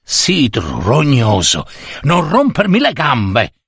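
A man reading a story aloud, voicing a grumpy old farm master who gruffly scolds his servant. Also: medium pitch, huge pitch swings, takes it slowly, a bit bright, dry recording, clean studio sound, heavily acted. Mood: scolding.

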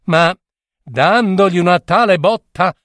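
A man telling a myth in a theatrical, lively way, with sudden high cries and comic asides. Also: a little slow, dry recording, clean studio sound. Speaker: storyteller. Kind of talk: dramatic storytelling of a myth.

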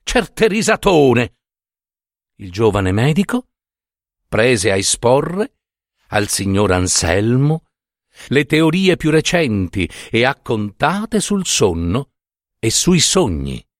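A man reading a literary story aloud at an unhurried, deliberate pace, his pitch rising and falling widely with theatrical phrasing. The recording is dry and close, with little room sound. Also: very animated, no echo. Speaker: narrator. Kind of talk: dramatic audiobook narration.

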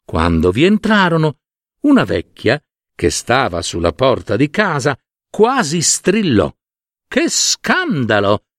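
A man narrating a folk tale in a slow, expressive scripted reading. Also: medium pitch, no echo, clean studio sound. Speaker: storyteller.

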